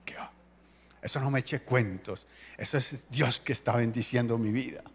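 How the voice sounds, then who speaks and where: A man's voice: mid-range voice, moderate pace, a little hiss or hum, pitched below the performer's own voice, lightly acted. A man playing King Ahab as a boastful, spoiled ruler in a retold scripture story.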